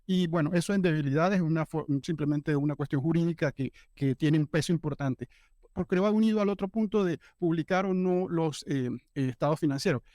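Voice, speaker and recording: A man's voice: on the high side, a little fast, dark tone, no echo, clean studio sound. A man raising a question at a banking panel, thoughtful with hesitant restarts. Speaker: audience member asking a question. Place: event room.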